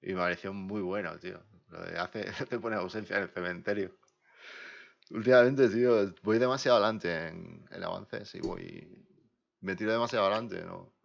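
A man from Spain chatting casually on a live game stream, slangy and rambling, often drifting quietly away from the mic. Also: low voice, normal speed, gravelly. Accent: Spain Spanish. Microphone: desk mic, sometimes far from it. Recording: dull lo-fi stream audio.

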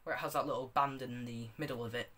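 A man's voice: mid-range voice, steady tone, fast talker, a bit bright. A young man giving a casual, unscripted review, rambling and correcting himself as he demonstrates. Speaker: hobbyist video reviewer.

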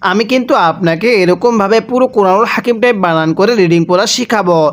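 A man teaching Quran reading, spelling out words and chanting them slowly for the listener to repeat. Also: high-pitched. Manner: drawn-out chanted recitation, asks and answers himself. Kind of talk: slow spelled-out recitation lesson.

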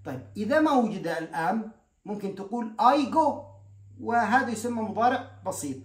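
A man teaching English in Arabic, stressing each English word slowly and patiently explaining grammar to learners. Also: high voice. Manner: reads word pairs with slow stressed English words and calm Arabic glosses; explains patiently, answering imagined learner questions. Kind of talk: bilingual vocabulary and grammar lesson. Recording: echoey room.

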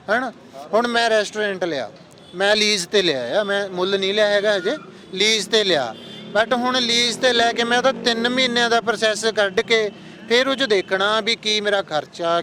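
A man's voice: sits high, sharp tone. A young man with a Punjabi accent chatting earnestly outdoors, explaining his views to an interviewer. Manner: earnest, explanatory, addresses friends as brother. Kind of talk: casual street chat. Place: outdoors on a street.

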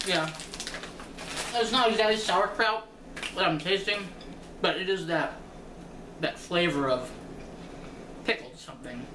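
Man, mouth full, chewing, halting casual food review, distant from mic, echoey room, noisy background. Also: high-pitched. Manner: halting, thinking aloud with fillers. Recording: roomy, off-mic with clear background noise.

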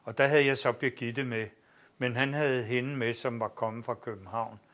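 An older man, an actor and theatre director, telling lively anecdotes in an interview and swearing casually. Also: medium pitch. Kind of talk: anecdotal storytelling.

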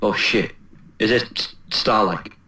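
A Welsh man joking excitably as a let's play co-host. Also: fairly low pitch, slow pace. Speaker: gamer co-host. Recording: roomy echo.

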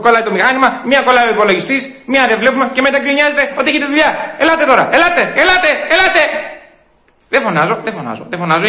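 A man playing a fussy, complaining male shopper at a supermarket cheese counter, in a one-man comedy sketch, ranting loudly and muttering asides. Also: high voice, full character voice. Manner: loud indignant ranting, repeats himself, muttered asides.

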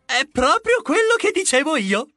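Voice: high voice, big pitch swings, moderate pace, over loud music. An actor voicing a boastful, bumbling detective mouse who rhymes playfully and trails off mid-sentence.

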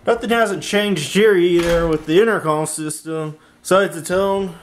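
This clip has a young man's voice that sits high and moves a little slowly, with slight background noise. He's hosting a home vlog from his bedroom and home workshop, demonstrating something casually on a handheld camera or phone.

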